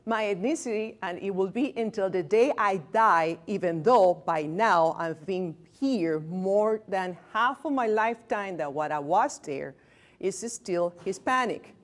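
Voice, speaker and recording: Speaking a little slowly, a Venezuelan-accented woman in her late thirties, a physician, lectures a small group of staff in a room as part of a workplace training. Her pitch is an ordinary middle register for a woman, and she talks candidly, makes fun of herself with joking asides, and restarts words.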